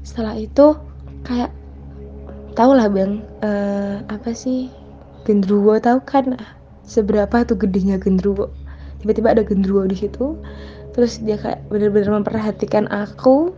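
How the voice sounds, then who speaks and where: A woman's voice: medium pitch, steady tone, moderate pace, long pauses, mellow, soft background music. Young woman telling a story, muffled audio. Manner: chatty, with many fillers and self-corrections. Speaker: guest storyteller. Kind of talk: casual storytelling. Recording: dull, lo-fi sound with faint noise.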